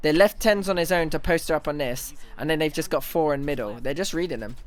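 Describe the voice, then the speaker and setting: A man on a livestream, speaking into a headset mic with a slightly high voice. He breaks down the match in a fast, excitable run of thoughts. He often stumbles and restarts his sentences as he goes. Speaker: streamer analyzing an esports match. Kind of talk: casual live analysis commentary.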